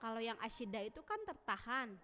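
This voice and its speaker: High bright woman teacher, echoey. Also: very animated, slight background noise. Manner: sounds out letters slowly and repeatedly, drawn out. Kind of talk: Quran recitation lesson for children.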